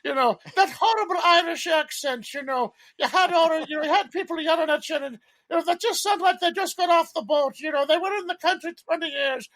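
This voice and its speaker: A man's voice: extremely high pitch, a little fast, hardly any pauses, fairly bright tone, no echo. A man from Boston, a podcast guest chatting casually about old comedies, rambling with lots of fillers. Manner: rambling, many fillers, laughs at own stories. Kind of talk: casual chat about movies.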